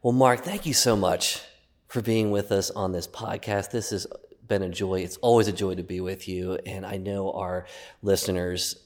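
A man's voice: sits low, fairly even intonation, normal speed. A man hosting a podcast, speaking conversationally with devotional remarks. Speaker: podcast host.

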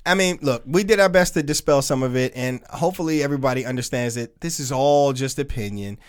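A relaxed male podcast co-host with a mid-range voice, speaking loosely and conversationally. He swears casually and keeps things light. He talks straight into a podcast mic during a live stream. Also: medium pitch, brisk, clean tone. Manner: loose, laid-back and chatty, with casual swearing. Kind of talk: casual chat.

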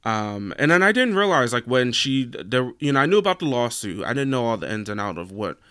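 Young American man, solo podcast host, meandering filler-heavy chat, smooth voice, dry close sound. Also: medium pitch, big pitch swings, fairly quick, fairly bright tone, dry recording. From United States. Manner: rambling, heavy use of "like" fillers.

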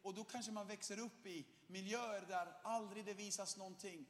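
Young male preacher, high voice, lively sermon with shouted bursts, long church-hall reverb. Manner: animated, shouts in bursts, laughs often.

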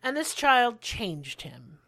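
A woman hosts a relaxed history podcast in a slightly high voice. She is blunt and sarcastic and swears often. She talks in a loose, chatty way. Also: takes it slowly, creaky. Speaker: podcast host. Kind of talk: casual history chat.

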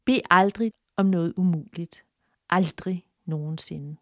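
A woman voicing a small magical forest man who speaks solemnly and at times hushed. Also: lowish voice, no echo, clean studio sound.

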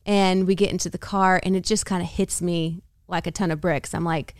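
An American woman co-hosting a podcast, telling a story in an animated, casual way with frequent laughter and acted-out quotes. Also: on the low side, moderate pace, no room sound, clean studio sound. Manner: animated, laughs often, acts out quoted dialogue. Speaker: podcast co-host.

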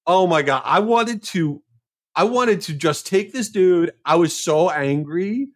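A male podcast host telling a story in a casual monologue, animated, with mock exasperation. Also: sits high, unhurried.

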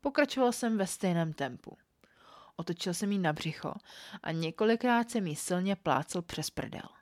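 A woman with a fairly low voice narrates an erotic story in a calm, even way. The sound is dry and close to the mic, with no room around it. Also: no room sound. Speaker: podcast storyteller.

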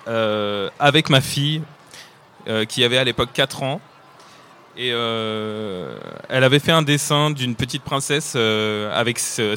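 A man's voice: mid-range voice, pushed and bright, slight background noise. A man from France with a French accent, a comic illustrator, talking to children with many hesitations. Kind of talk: casual talk to children.

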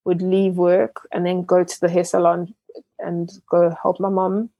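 In an interview, a young adult business founder from Ghana reflects at a measured pace, her lowish, warm voice showing little pitch movement. She uses many fillers and restarts. The audio is dull and carries no room sound.

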